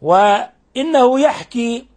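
Guy with a high voice coaching a caller's recitation, patient, picky about every sound. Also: lively intonation, takes it slowly, darkish tone. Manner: patient, corrects pronunciation closely. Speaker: Quran recitation teacher. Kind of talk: radio call-in recitation lesson.

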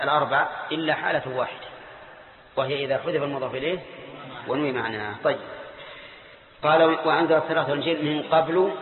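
Male teacher, lecture style, repeats himself, quizzes students, tinny phone-like sound, faint background hiss. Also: fairly high pitch. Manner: repeats key phrases, quizzes listeners. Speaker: teacher of Quran exegesis and Arabic grammar. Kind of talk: classroom lecture with questions to students. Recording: echoey hall over a tinny phone-like line.

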